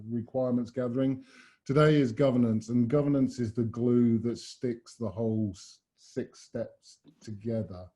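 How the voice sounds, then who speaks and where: Dark-voiced man hosting a webinar. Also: mid-range voice. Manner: emphatic, uses vivid metaphors. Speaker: webinar host and consultant. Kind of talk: presenting a business webinar.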